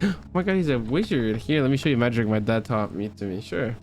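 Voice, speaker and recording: A man's voice: mid-range voice, animated, fairly quick, a little mellow, faint music behind. A man streaming a story game, chatting casually, reading the dialogue aloud, swearing offhandedly, and bantering with his chat. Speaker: gaming streamer.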